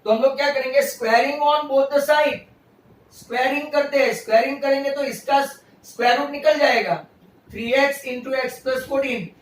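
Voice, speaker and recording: A male maths teacher giving an online class, mixing English into Hindi, repeating "right?" often, loud and stern with absent students. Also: very high voice, steady tone, normal speed, a little hiss or hum. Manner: loud, says he shouts himself hoarse. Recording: roomy echo, distant mic, faint ambience.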